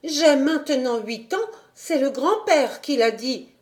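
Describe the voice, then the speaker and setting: A woman's voice: sits high, expressive, slow, darkish tone, pitched above the performer's own voice. A woman voicing a guileless eight-year-old girl who gives plain, short answers in a storybook reading. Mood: artless.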